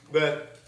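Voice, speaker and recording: A man closing a church service with slow, folksy, chuckling exhortation. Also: on the high side. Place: church sanctuary. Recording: echoey church from a distance.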